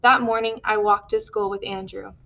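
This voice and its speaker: A woman reading a novel aloud in first person, steady and earnest. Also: mid-range voice, normal speed, vocal fry, a little hiss or hum, low-quality recording. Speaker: audiobook reader. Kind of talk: audiobook narration.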